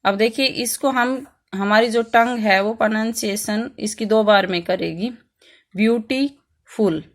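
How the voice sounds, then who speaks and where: A woman teaching an online English grammar lesson with an Indian English accent, reading rules out and explaining them in Hindi. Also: mid-range voice. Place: Rajpura, Punjab.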